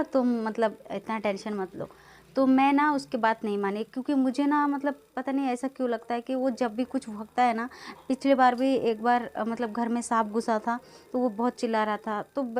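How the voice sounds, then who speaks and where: A woman in her thirties vlogging, telling a personal story in a rambling, hesitant way with many filler words that turns agitated and loud. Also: a little high. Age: 30s. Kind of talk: casual storytelling vlog.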